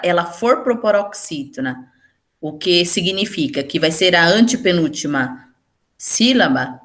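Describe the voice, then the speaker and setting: A woman's voice: fairly low pitch, fairly bright tone. Teacher woman explaining grammar rules. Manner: explains step by step, often checking in with "certo?"; slows down to stress example words. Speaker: Portuguese teacher. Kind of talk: exam-prep grammar lesson.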